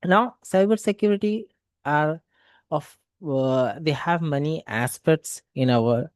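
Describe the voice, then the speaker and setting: A man's voice: fairly high pitch, slow pace, clean tone, no room sound. A man teaching an online class, explaining step by step and often restarting with "okay, so". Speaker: cybersecurity trainer. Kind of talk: online lecture.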